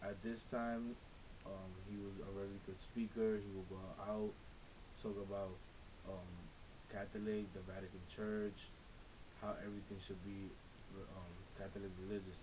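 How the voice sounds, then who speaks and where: A young man from Ecuador giving a halting class presentation, with frequent restarts and fillers. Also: little pitch movement. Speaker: student presenter. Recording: hissy low-fi camera recording.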